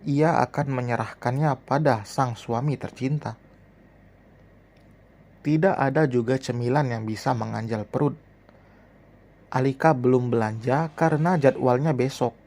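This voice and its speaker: A man calmly narrating a storybook in a steady reading voice. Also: mid-range voice, a little slow, long pauses.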